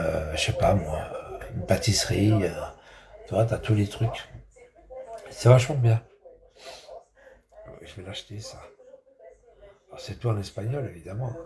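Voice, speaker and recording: Man, casual vlogger, mellow low tone, rambling and repetitive, slangy. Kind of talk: casual vlog chat.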